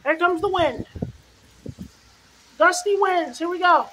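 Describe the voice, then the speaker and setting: A very high-voiced woman delivers live storm-chasing commentary over faint weather noise. She is excitable and exclamatory, coming back to the same short phrases again and again. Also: slow pace. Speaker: storm chaser livestreaming. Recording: noisy outdoor recording with rain and wind.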